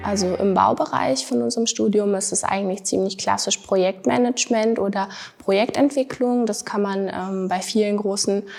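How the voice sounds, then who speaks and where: This earnest Thuringian master's student, in her 20s, answers interview questions with frequent filler pauses and repeated words for stress. She speaks in a mid-range, darkish voice with vocal fry.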